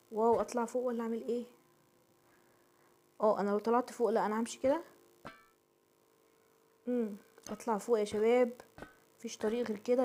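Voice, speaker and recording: Excitable Egyptian woman gamer, high voice. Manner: excitable, shrieks and repeats words in bursts. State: out of breath. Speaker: gaming channel host. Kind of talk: horror game let's-play commentary.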